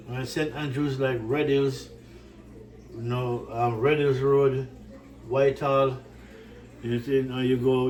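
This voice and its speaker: Far from the mic in a low-quality recording, a man from Jamaica with a mid-range voice chats casually to his cooking channel viewers in his home kitchen. He's warm and repetitive, rambling along and often asking "right?".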